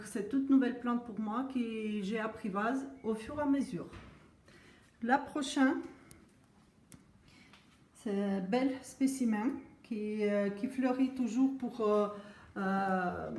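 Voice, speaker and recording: Hesitant, softly pitched woman vlogger. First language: not French. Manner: hesitant, many filler pauses. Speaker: plant vlogger. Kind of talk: casual home plant tour. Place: home veranda. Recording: roomy echo.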